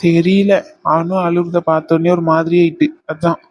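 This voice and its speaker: A woman voicing a gentle young newlywed husband in a cartoon, soft and reassuring. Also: lowish voice, little pitch movement, moderate pace, lo-fi sound, lightly acted. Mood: mild.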